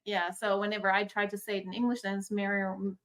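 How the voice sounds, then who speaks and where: Friendly middle-aged woman speaking English; relaxed guest, a bit halting. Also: mid-range voice, slight background noise. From Germany. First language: German. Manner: friendly, laughs easily, halting. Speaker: guest, real estate agent. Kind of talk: casual chat.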